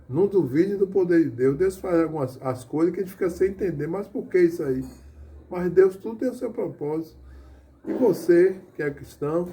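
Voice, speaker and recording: A man's voice: fairly high pitch, mellow. Earnest man giving testimony. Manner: earnest storytelling, often calling listeners "brother". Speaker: church member giving testimony. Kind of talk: personal testimony at an online church service.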